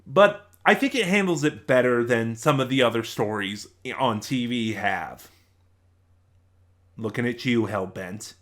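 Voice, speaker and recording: Here the channel host reviews something without a script, unhurried, in a bright-ish voice of medium pitch. The talk rambles along like a chat, with self-corrections throughout.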